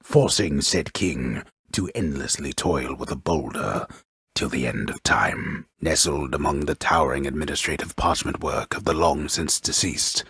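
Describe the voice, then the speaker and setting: For a video game, a grave and grandiose male storyteller recounts an underworld myth in an extremely low, heavily husky voice with a gravelly edge and a fairly bright tone. His measured, formal phrasing carries a dry, wry mockery, and the solemn, wry mood comes through as a full character performance. The close recording has no room sound or echo.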